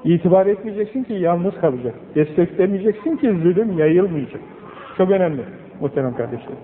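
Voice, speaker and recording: An older man preaches a sermon, earnest and admonishing, pushing hard on his key points. His voice sits fairly high. The old recording is thin and phone-like, with a long echo from a large hall. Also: expressive, a little fast, a little hiss or hum. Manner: earnest, admonishing, rising emphasis.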